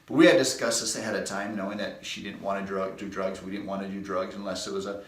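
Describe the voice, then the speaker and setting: A chiropractor in his thirties tells his patients rambling personal anecdotes in a casual, folksy way, restarting as he goes. His deep voice is flat and fast, recorded in an echoey room as storytelling to camera.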